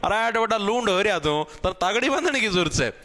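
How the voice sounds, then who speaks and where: A man's voice: high voice, animated, fairly quick, pushed and bright. A man with a Haryanvi accent teaching a general knowledge exam class, repeating points and often asking whether the students have understood. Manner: repetitive, addresses students as bhai, checks with "theek hai"; shows cloth samples while explaining.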